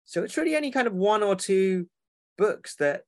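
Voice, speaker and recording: A man's voice: high voice, lively intonation, normal speed, dry recording. A man, a children's book publisher who rambles and corrects himself in a casual interview over a remote call.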